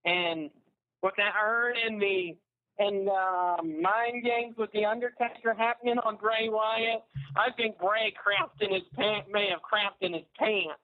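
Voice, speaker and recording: A man in his twenties calling in to a live podcast, talking eagerly with halting restarts over a phone line. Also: high-pitched, fairly even intonation. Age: 20s. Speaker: caller.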